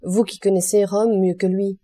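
A woman's voice: medium pitch, little pitch movement, moderate pace, dark tone, lightly acted. A woman voicing a genial, urbane duke hosting a ball, in an audiobook. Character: genial older male duke, urbane host.

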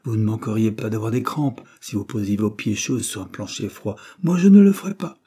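A man's voice: fairly low pitch, steady tone, normal speed, mellow, slightly rough. A man reading aloud voices a domineering, scolding middle-aged maidservant woman in a storybook.

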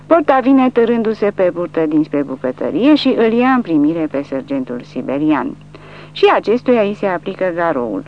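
A woman narrating a war novel in an audiobook, her pitch rising and falling animatedly on a fairly low voice. The reading is dramatic and scripted. The recording sounds dull and lo-fi, with a faint hum underneath. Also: sing-song.

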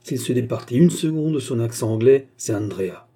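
A man voicing a resolute young nobleman, urgent and suspicious, in an audiobook reading with a dark, husky voice. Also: medium pitch, animated, moderate pace. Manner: urgent, emphatic. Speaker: character in a read novel.

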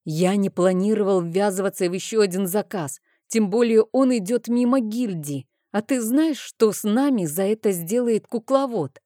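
Rich: an anxious, short-tempered male dragon thief voiced by a woman reading an audiobook, snapping and scolding with a warm, dark tone. The sound is dry and close, with no room around it. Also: medium pitch, normal speed, few pauses, dry recording, pitched above the performer's own voice, close to an everyday voice. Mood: upset. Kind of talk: audiobook character voice.

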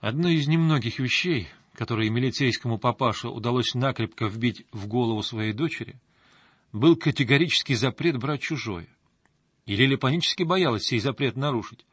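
A man narrating a first-person story in an audiobook, in a steady storytelling manner. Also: mid-range voice, brisk, breathy edge, dry recording, clean studio sound.

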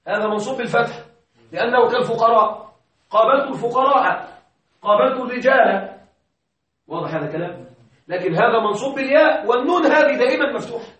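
A man's voice: extremely high pitch, expressive, brisk, pauses often, a bit bright. A man teaching grammar in a classroom, often stopping to quiz his students with short check questions. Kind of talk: classroom lecture. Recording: very echoey room, mic far off.

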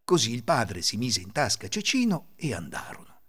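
A man hosting a podcast and narrating folk fairy tales in an expressive, lilting storytelling manner. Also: mid-range voice, normal speed, slightly rough. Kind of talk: scripted fairy-tale narration.

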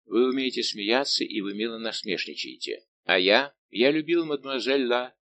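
A man's voice: medium pitch, animated, moderate pace, fairly bright tone. A male reader voicing a heartbroken young nobleman who speaks in a bitter, restrained, formal way, in an audiobook.

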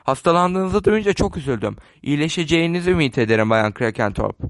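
A polite, chatty elderly spinster, kindly on the surface but sharp underneath, read aloud by a man. The voice sits a touch high with a dry, close sound and no room around it. A storybook reading paced calmly. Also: fast, no room sound. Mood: gentle. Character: elderly English spinster woman, gentle and shrewd.

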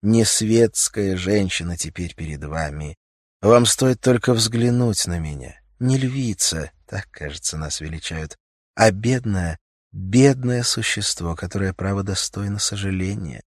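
Мужчина читает вслух и озвучивает молодую светскую женщину, которая горячо и с мольбой просит о сочувствии. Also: male voice, animated, measured pace, dry recording, clean studio sound. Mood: pleading. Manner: raised pitch, emotional pleading. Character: pleading young society woman.

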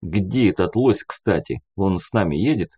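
A man's voice: deep voice, expressive, normal speed, warm tone, breathy edge. A man voicing an easygoing young male student who jokes in casual banter. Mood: joking.

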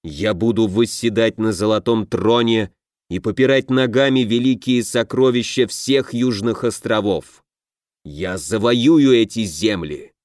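A man voicing a proud, grumpy half-orc who calls himself a future king, speaking slowly and pompously in a low growl. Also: animated, no echo, clean studio sound. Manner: growling, pompous, slow deliberate.

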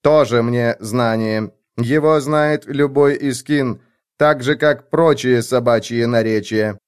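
A man reading an audiobook, voicing a cold male overseer who speaks slowly and without emotion. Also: mid-range voice, smooth, natural voice. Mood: dispassionate. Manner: flat, unhurried, emotionless. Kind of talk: audiobook character voice.

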